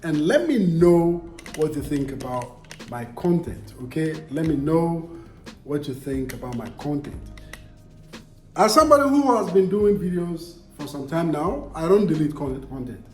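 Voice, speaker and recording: With a sing-song, unhurried voice pitched on the high side, a young Ghanaian man in a reverberant space vlogs casually with faint music behind him. Speaking in a Ghanaian accent, he answers viewer comments emphatically, repeating points and asking rhetorical questions.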